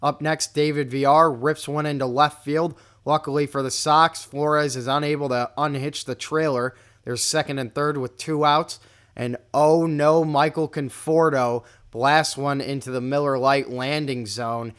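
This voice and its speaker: Young man, recap narrator, smooth clear voice, mid pitch, play-by-play with dry jokes. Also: steady tone, normal speed, fairly bright tone. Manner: play-by-play delivery with wry asides. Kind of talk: scripted game recap narration.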